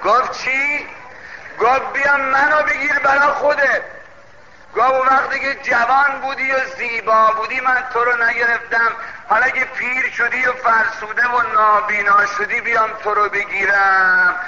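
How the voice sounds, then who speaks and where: High bright preacher in an echoing hall. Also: male voice, flat delivery. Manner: declamatory, swings between loud calls and low asides. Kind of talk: sermon storytelling. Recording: dull lo-fi, long hall reverb, faint noise.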